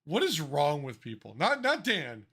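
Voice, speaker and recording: A man's voice: fairly high pitch, wildly swooping pitch, a little slow, a crowd in the background. A man co-hosting a casual podcast, ranting and swearing in exasperation, often restarting his sentences. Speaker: podcast co-host.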